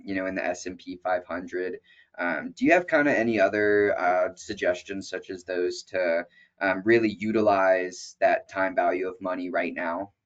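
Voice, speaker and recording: A man's voice: sits low, highs cut off. A man in his twenties hosting a webinar, asking questions hesitantly with many fillers. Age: 20s. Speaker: webinar host. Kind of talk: casual interview chat.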